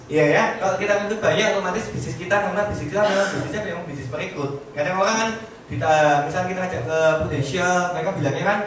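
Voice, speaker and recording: A man's voice: high-pitched, quick pace, a bit bright, slight background noise. A man giving a chatty motivational sharing talk to a small group, constantly asking the audience questions. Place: meeting room with a small audience. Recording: echoey room heard from a distance.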